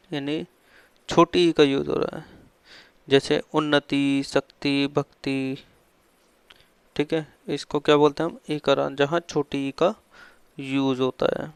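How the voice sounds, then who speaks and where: A man's voice: on the high side, clean tone, no echo. A man teaching a lesson, asking questions and answering them himself, with frequent fillers and drilled repetition of key terms. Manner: repeats and stresses key terms like a classroom drill. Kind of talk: explaining a lesson on Hindi vowel endings.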